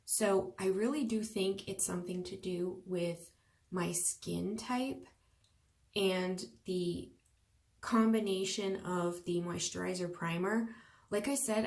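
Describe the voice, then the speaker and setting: Slow-talking chatty young woman vlogger. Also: fairly low pitch, a little mellow. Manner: chatty, many fillers, muses aloud to herself. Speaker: beauty vlogger. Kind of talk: casual product review.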